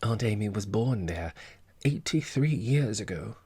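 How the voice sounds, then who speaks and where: A man's voice: on the low side, animated, measured pace, darkish tone, slightly rough, no room sound, full character voice. A man voicing an affected, self-important society woman in an audiobook, with airy, theatrical phrasing and Italian endearments. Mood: gushing. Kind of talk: audiobook character voice.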